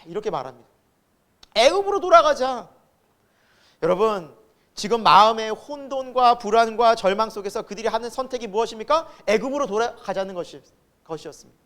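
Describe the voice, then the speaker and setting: A man preaching a Sunday sermon as pastor, asking the congregation rhetorical questions and acting out quoted voices, with sudden loud emphasis and soft asides. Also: sits high, animated, fast talker.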